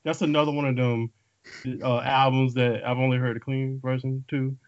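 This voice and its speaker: A man's voice: mid-range voice, little pitch movement, moderate pace, dry recording. Man, casual banter, slangy, profane, dull lo-fi sound. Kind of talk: casual chat about rap music among friends.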